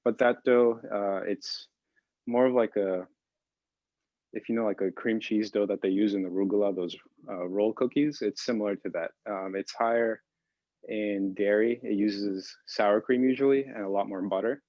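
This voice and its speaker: Low-voiced man chef on a muffled call. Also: moderate pace, no echo. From Boston area, United States. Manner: relaxed, many fillers. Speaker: pastry chef. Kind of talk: casual explanation to an online audience.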